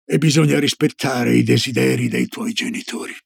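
A man's voice: vocal fry, husky. A man doing a grave old grandmother. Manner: slow, low, solemn warnings. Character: old Norwegian grandmother, cigar-smoking, grave storyteller.

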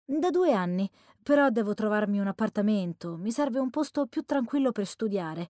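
A woman's voice: mid-range voice, animated, normal speed, warm tone, no room sound, clean studio sound, natural voice. A woman voicing a self-assured, friendly young male college student in an audiobook reading, talking chattily. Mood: friendly confident.

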